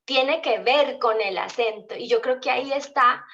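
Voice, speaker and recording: A woman's voice: fairly high pitch, moderate pace, fairly bright tone, dull audio. A woman teacher giving an online class, explaining patiently and often asking her students questions.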